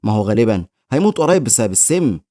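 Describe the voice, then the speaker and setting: A man's voice: on the low side, big pitch swings, racing, mellow, no room sound, clean studio sound. A man voicing a cruel, sneering male guild leader in a recap with an Egyptian Arabic accent, mocking in tone.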